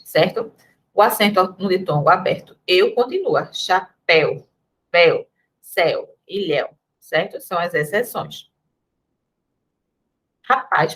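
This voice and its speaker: A woman's voice: on the low side, a bit bright. A woman with a Brazilian Portuguese accent giving a recorded grammar lesson, speaking to her students in a chatty, direct way. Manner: chatty, addresses students directly, reads comic asides aloud. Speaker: teacher.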